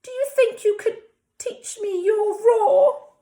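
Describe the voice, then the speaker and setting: Woman voicing a tiny high squeaky mouse. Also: slow, mellow, heavily acted. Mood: nervous, polite. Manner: squeaky, timid, polite. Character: tiny meek brown mouse, hopeful and polite. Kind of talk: children's picture-book storytelling.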